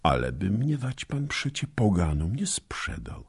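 A man voicing a small, mocking knight and master swordsman who turns tender, with a deep gravelly voice. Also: big pitch swings, unhurried, heavily acted. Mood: earnest.

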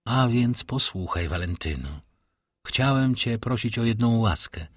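Brooding nobleman, read by a man, solemn, slow, husky voice, dry close sound. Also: mid-range voice, animated, no room sound. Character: brooding middle-aged nobleman, grave and tender.

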